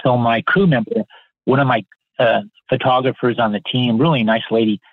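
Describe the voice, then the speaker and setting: A man's voice: medium pitch, fairly even intonation, normal speed, no echo. A man in his sixties, a podcast guest telling stories in a casual, earnest and polite way, often restarting his sentences. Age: 60s. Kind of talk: casual anecdotal storytelling. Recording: tinny phone-like line, dry.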